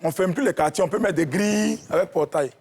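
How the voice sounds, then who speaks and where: Husky high-voiced man. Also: a little mellow. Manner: chatty, jumps in with quick remarks. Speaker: talk show panelist. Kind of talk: casual talk show chat. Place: TV studio.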